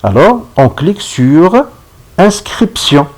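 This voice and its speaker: A man giving a step-by-step software tutorial, checking in with his viewers as he goes. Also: sits high, big pitch swings, low-quality recording. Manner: slow, step-by-step, checks in with "d'accord?". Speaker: instructor. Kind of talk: screen-recorded software tutorial.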